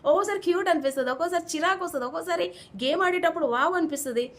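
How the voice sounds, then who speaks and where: A woman's voice: very high voice, rapid-fire. Chatty woman recapping a reality show. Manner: chatty, animated retelling with acted quotes. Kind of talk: casual recap commentary.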